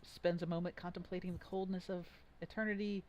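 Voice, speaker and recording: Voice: medium pitch, little pitch movement, brisk. A game master narrating a tabletop fight in a vivid, playful way.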